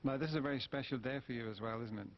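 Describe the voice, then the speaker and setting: A man's voice: mid-range voice, very fast. A man conducting a live sports interview as a television interviewer. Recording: dull 1990s TV broadcast, noisy.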